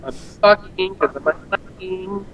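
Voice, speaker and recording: A man's voice: high voice, a little slow, a bit bright, a little hiss or hum, poor audio. A young man in a casual gaming chat over a voice call, yelping whenever he crashes. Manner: yelps at his own crashes.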